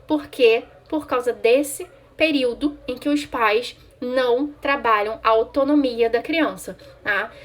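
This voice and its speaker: A woman's voice: a little high, a little slow, hardly any pauses. A woman, a child psychologist giving parents conversational advice and often checking in with "tá?". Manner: conversational, frequent "tá?" check-ins; answers viewer questions directly.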